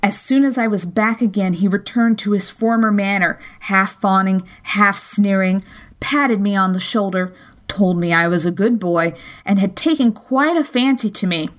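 Measured woman narrating an audiobook. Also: medium pitch. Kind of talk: scripted narration of a classic novel.

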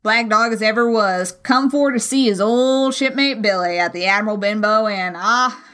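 A woman's voice: fairly high pitch, normal speed, fairly bright tone, close to an everyday voice. A woman reading an audiobook and voicing a sly, fawning old male pirate who half wheedles and half sneers. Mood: coaxing. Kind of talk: audiobook character voice.

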